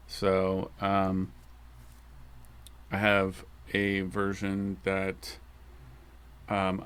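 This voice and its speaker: A man's voice: low voice, a bit bright, clear, resonant tone. A man hosting his own channel, giving a loose, rambling, conversational screen-share tutorial. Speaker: tech channel host.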